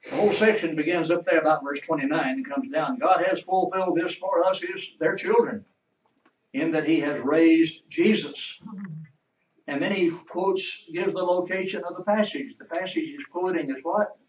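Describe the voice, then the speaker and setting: Heard from afar in a church classroom, a man with a fairly high voice leads an interactive Bible lesson at a moderate pace. He puts questions to the class and waits for their answers. The audio is roomy, distant and dull, carrying a little hiss or hum.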